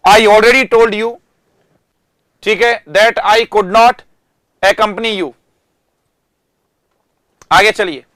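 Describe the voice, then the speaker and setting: High-pitched, crisp male teacher. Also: fairly bright tone, no room sound. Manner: explains in Hindi, reads English examples slowly and stressed; addresses students directly, asks and answers himself. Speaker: English vocabulary teacher. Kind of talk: online classroom lecture.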